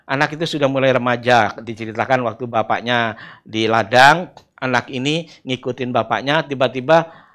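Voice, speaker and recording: Man, middle-aged, Indonesian accent, sermon, lively storytelling, acts out voices. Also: medium pitch, moderate pace. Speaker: church elder preaching.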